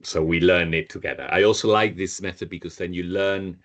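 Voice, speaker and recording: A man's voice: deep voice, steady tone, brisk, fairly bright tone. A man teaching a Spanish class over a video call, patiently repeating each learner's answer. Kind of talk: online group language lesson.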